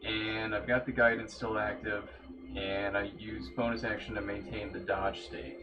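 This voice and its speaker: A man's voice: lowish voice, little pitch movement, moderate pace, dull audio, over music. A man playing a tabletop game, chatting casually and explaining his moves. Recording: clear background noise.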